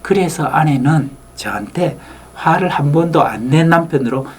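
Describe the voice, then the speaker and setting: A man in his fifties from Andong with a North Gyeongsang accent, giving a lively public lecture on anger and acting out the lines he quotes, with quiet whispered asides. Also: on the high side, moderate pace, a little hiss or hum. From Andong, South Korea. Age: 50s. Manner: animated storytelling, acts out quoted lines, drops into whispered asides.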